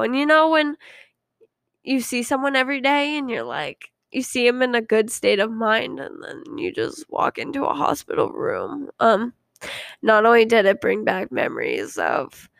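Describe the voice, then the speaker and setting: A woman's voice: fairly high pitch, creaky, fairly bright tone, no echo, clean studio sound. A young woman hosting a podcast, telling her own story in a rambling, hesitant, confiding way with frequent ums. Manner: earnest and confiding. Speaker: podcast host. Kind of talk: casual personal storytelling.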